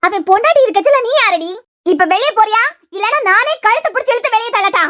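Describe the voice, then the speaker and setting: A woman's voice: very high voice, lively intonation, fast talker. A woman voicing a domineering middle-aged aunt in a cartoon, scolding scornfully in a Kanyakumari Tamil accent. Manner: shouting, scornful. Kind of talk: cartoon voice acting.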